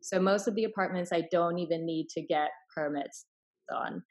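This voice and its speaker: Born in Finland and raised in Sweden, this woman is a property investor appearing as an interview guest. Her voice is on the low side at normal speed, and she explains things informally, acting out quoted dialogue. English is not her first language but her third.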